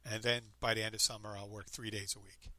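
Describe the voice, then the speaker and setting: A man's voice: on the low side, level tone, quick pace, sharp tone, no room sound. A man in his fifties hosting a podcast, chatting casually and rambling with frequent restarts. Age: 50s. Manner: rambling, upbeat, self-interrupting. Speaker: podcast host. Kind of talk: casual chat.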